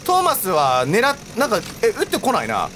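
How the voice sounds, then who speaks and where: A man commentating his gameplay, joking and yelling at characters on screen. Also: sits high, fairly quick, noisy background. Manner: animated, joking, talks back at the screen. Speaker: let's play streamer. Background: game music.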